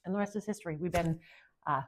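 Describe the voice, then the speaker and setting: Speaking quickly in a lowish voice, this fifty-something podcast guest, who works as an Amazon influencer, wanders through her stories in casual conversation. Fillers crop up constantly as she rambles.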